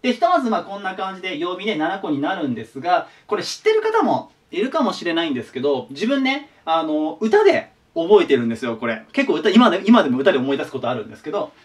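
A man's voice: sits high, very animated, quick pace, hardly any pauses. A man giving a casual whiteboard lesson as an online tutor, chatty and sharing his own memory tricks. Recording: voice a bit distant from the mic.

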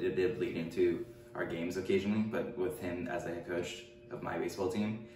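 Low, flat-voiced young man, roomy far mic. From Richmond, California. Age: 20s. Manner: hesitant, many fillers and restarts. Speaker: documentary interviewee. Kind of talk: casual interview answers. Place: room at home, seated. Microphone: far camera mic. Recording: roomy echo, distant mic, faint hum.

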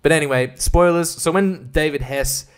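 A man's voice: normal speed, clear, resonant tone. Rambling, laughing man reviewing films. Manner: rambling, profane, laughs often, many fillers; animated, jumps high in pitch for emphasis. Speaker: podcast host reviewing films. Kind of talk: casual monologue film review.

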